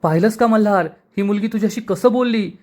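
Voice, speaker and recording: A man's voice: high voice, fast, pitched above the performer's own voice, natural voice. Man putting on a scolding older aunt. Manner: sharp, scolding.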